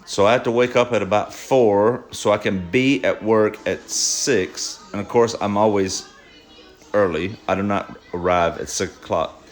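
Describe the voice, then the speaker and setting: A man's voice: on the low side, a little slow. A middle-aged man vlogging at home, rambling and joking, often repeating himself. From United States. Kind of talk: casual home vlog.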